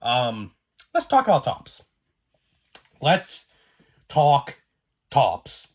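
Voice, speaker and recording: A man with a cold hosts a laid-back sports card vlog, coughing here and there between his thoughts. His delivery is rambling and excitable, padded with fillers, and his pitch swings widely from high to low. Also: extremely slow, breathy edge. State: getting over a cold, coughing. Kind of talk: casual vlog commentary.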